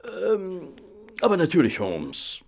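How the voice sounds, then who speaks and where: An actor playing a courteous, kindly doctor and detective's companion in a radio play, polite and genial. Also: male voice, sits high, wildly swooping pitch, slow, vocal fry, darkish tone, full character voice. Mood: obliging, concerned. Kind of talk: German radio play acting.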